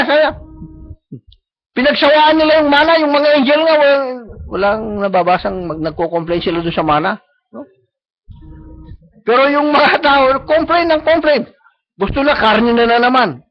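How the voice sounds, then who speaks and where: A man with a Filipino accent preaching a sermon, often checking in with the congregation and slowing down to stress quoted lines. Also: very high voice. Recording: muffled live-stream recording.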